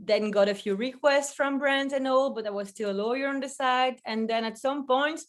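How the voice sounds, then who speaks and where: Chatty Belgian woman from a video call. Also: a little high. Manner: chatty, laughs often, many restarts. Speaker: guest, food photographer. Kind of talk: casual interview conversation.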